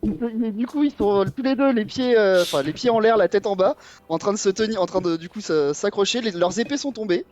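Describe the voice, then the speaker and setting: A man with a high voice plays a tabletop role-playing game. He rambles and hesitates as he works out what his character does. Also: quick pace, darkish tone, lo-fi sound. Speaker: player. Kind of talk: casual tabletop game talk.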